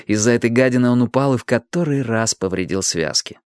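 A man narrating a novel in an expressive, dramatic reading style. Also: medium pitch, brisk, smooth, no echo, clean studio sound. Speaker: audiobook narrator. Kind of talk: scripted narration.

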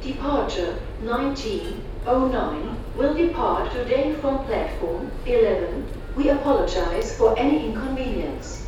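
A woman's voice: on the high side, animated, lo-fi sound. Woman's echoing train station announcement. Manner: slow, measured, formal phrasing. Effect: train station loudspeaker announcement. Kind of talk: recorded platform announcement in German and English. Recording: echoey loudspeaker from far off in a station. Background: station ambience and noise.

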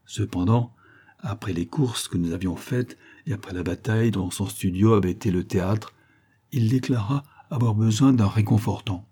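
Husky, mellow male storyteller. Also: fairly low pitch. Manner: measured storytelling. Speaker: audiobook reader. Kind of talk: scripted narration.

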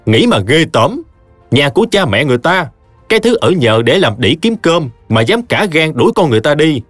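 A man's voice: medium pitch, sing-song, normal speed, no echo, natural voice. A stern, scornful village chief in an audio story, as a man acts him, commanding. His scolding rises and falls with energy, dry and close, faint music behind. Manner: commanding and contemptuous.

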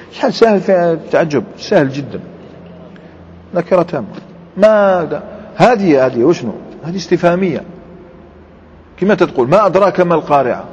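A man's voice: on the high side, a little mellow, breathy edge. Guy teaching grammar, quizzes the class as he goes, long echo like a big hall. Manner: explains step by step, quizzes students, mixes dialect with formal Arabic. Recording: dull lo-fi recording in a large reverberant hall.

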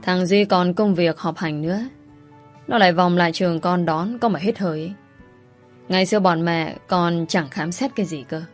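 A woman's voice: fairly low pitch, normal speed, faint music behind, close to an everyday voice. A woman voicing a disapproving older mother-in-law, curt and grumbling.

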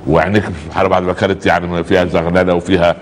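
Male preacher, Egyptian Arabic accent, rapid, chatty sermon delivery with pious interjections, long reverb around the voice. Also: sits low, little pitch movement, slight background noise. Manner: conversational, repeats pious exclamations, acts out little dialogues. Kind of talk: colloquial religious talk.

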